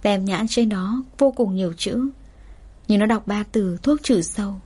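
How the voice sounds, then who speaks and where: A woman narrating a scripted story in a steady, measured, dramatic way. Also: mid-range voice, husky.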